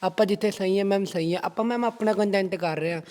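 A man's voice: sits high, quick pace, darkish tone. A young man being interviewed about the poems he writes. He talks earnestly and addresses the interviewer as ma'am in almost every phrase. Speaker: interview guest, poetry writer. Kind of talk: casual interview talk.

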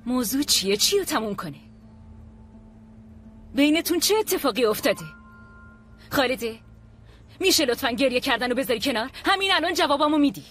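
An insistent young wife, questioning sharply in a high voice. Faint music sits under the scene. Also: female voice, lively intonation, pauses often, a bit bright, husky, exaggerated voice. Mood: demanding. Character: young wife demanding answers, defending her husband. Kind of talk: dubbed drama acting.

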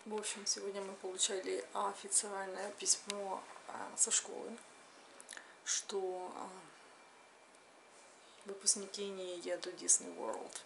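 This woman's mid-range voice is gravelly and shows little pitch movement; she's unhurried, with long pauses. A mother in her thirties, she vlogs casually to camera about everyday exchanges, in her kitchen and later another room indoors. Sound comes from a camera mic a little distance away, amid room noise.

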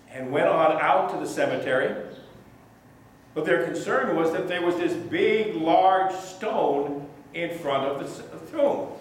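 A middle-aged male pastor telling a children's sermon story slowly and gently to puppets, at a lectern in a small church. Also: fairly high pitch. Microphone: fixed camera a few feet away, lectern mic. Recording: echoey church from some distance.

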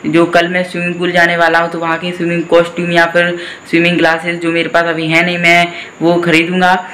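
A man's voice: a little high, completely flat delivery, a little fast, sharp tone, slight background noise. A teenage boy with a Hindi accent chatting casually in a vlog, filming on a phone at arm's length, often calling out to "guys". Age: teens. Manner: chatty, keeps saying "guys". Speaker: vlogger. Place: home room and outdoors on a motorbike. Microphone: phone camera held at arm's length.

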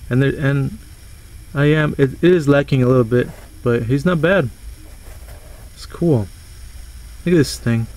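A man's voice: mid-range voice, unhurried, long pauses, a little mellow, rough recording. Easygoing man rambling through a toy review. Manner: rambling, swears casually, stumbles over words.

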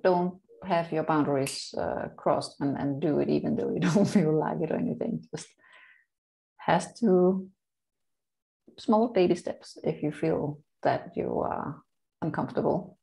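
A woman co-hosts a casual podcast chat with a lower voice and a gravelly, creaky edge. She rambles and laughs at her own slips, stopping often to correct her words. Her talk drifts loosely from one point to the next. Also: warm tone. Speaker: co-host.

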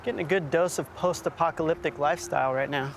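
A man in his thirties hosts a documentary, presenting and doing voice-over in a thoughtful, casual way, partly on location outdoors and inside an abandoned factory. His voice is on the high side, steady, and fast, with a noisy background.

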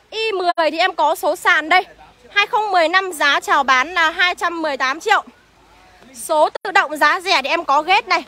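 A young woman livestreaming from a used car lot, briskly reading out car prices and greeting viewers by name, recorded on a phone as she walks. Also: extremely high pitch, sharp tone. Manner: brisk sales patter, reels off prices and addresses viewers as "anh".

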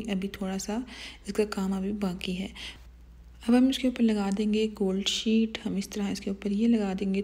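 A woman narrates a home recipe as a voice-over, guiding viewers calmly through each step. Her voice is warm and mellow, with little rise and fall, and it stays level and steady throughout. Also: medium pitch. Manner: calm step-by-step instructions with soft asides. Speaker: cooking channel host.

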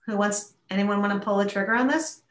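A woman chairing a public town board meeting, talking in a halting way with many fillers and restarts, over a remote video meeting. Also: mid-range voice, roomy sound.

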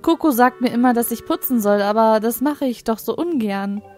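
A woman's voice: on the high side, normal speed, a little mellow, soft background music, lightly acted. A woman putting on a sing-song lazy village mum. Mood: cheerful. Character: chatty, lazy middle-aged village mother who hates cleaning. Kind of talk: reading in-game dialogue aloud.

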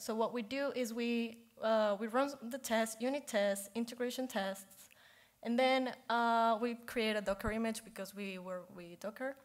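A woman in her thirties giving an informal lightning talk on stage, conversational and casual. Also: a little high. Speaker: software engineer, conference speaker. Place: conference stage in a hall.

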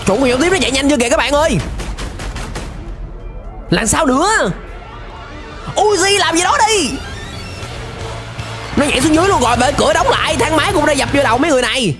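Hosting a reaction video from a gaming setup in an indoor room, a young adult man with a Southern Vietnamese accent gives excited, exclamatory commentary. His voice is extremely high, a little fast, with frequent pauses and an animated manner. A close desk microphone catches him over music and a cartoon soundtrack.

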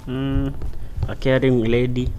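A man's voice: mid-range voice, level tone, slow pace, mellow, a little hiss or hum. A laid-back Kenyan man in his twenties, speaking casually and with slang as a dating show contestant. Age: 20s.

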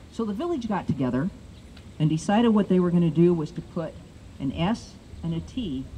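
An older woman pastor preaching a storytelling sermon outdoors at a lectern into a handheld mic, slowing down to stress key phrases. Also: low voice, dark tone, a little hiss or hum. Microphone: handheld microphone.

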